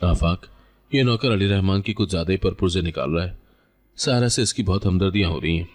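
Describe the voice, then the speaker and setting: A man's voice: low-pitched, a little fast. A man voicing a harsh, scheming older mother-in-law who taunts and scolds. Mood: scornful.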